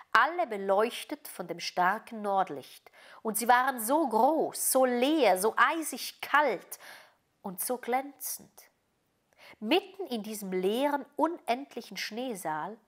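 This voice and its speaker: A woman reading a fairy tale aloud as storyteller, slow, deliberate and softly expressive. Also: mid-range voice.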